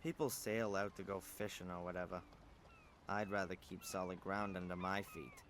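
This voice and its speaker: A man's voice: low-pitched, huge pitch swings, moderate pace, fairly bright tone, slight background noise, full character voice. An actor playing a polite young male student in a video game, speaking hesitantly with many uhs. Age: young adult. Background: game music.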